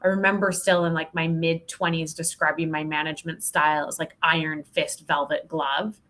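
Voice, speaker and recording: A sales coach appears as a podcast guest, telling her own story in a frank, reflective, conversational way and often saying "like." Her voice sits low with a level tone, a moderate pace, and a fairly bright quality.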